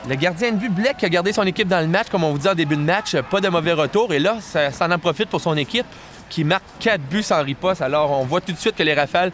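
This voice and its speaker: A man's voice: high-pitched, fast talker, fairly bright tone. A man with a Quebec French accent giving live sports analysis as a colour commentator during a game. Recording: clear venue noise behind.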